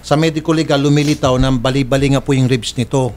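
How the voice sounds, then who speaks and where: A man's voice: mid-range voice, fairly even intonation, darkish tone. A man hosting a public service show, sternly confronting and accusing someone. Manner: stern, accusing, fast-talking. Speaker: public service program host. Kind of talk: confrontational complaint hearing.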